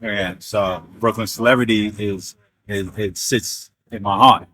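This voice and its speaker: A middle-aged man from Trinidad speaks in a low voice, relaxed and reflective as he tells the story behind his brand. The recording is dry and close. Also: measured pace, no echo, rough recording. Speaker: fashion brand founder. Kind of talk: interview.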